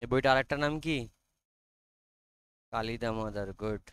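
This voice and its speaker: A man's voice: medium pitch, a bit bright, clean tone, dry recording. Bengali man teaching a class. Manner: quizzing students, reads English lines slowly. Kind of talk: classroom lesson.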